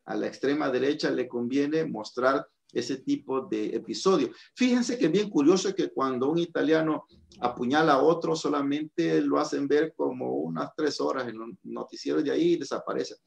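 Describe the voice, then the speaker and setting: A man's voice: a little high, moderate pace, gravelly. A man from El Salvador, a guest in a casual panel chat over a video call, explaining at length and addressing the audience directly. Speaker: guest commentator.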